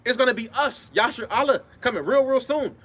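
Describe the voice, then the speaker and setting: A man delivers an informal sermon in a high voice, talking quickly. He is blunt and swears often. He drives home his points with emphatic repetition and constant check-ins with his listeners. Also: animated, a bit bright, breathy edge. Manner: blunt street talk with frequent swearing. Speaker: preacher. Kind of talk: informal sermon with scripture readings.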